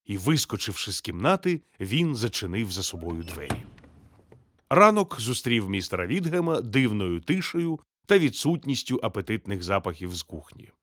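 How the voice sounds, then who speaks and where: A man narrating a children's storybook in a steady, measured, gently expressive reading. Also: fairly low pitch, no room sound.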